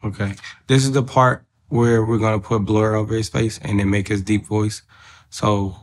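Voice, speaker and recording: A man's voice: fairly low pitch, flat delivery, normal speed. A man hosting a casual interview, teasing his guest in a slangy, joking way. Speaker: host.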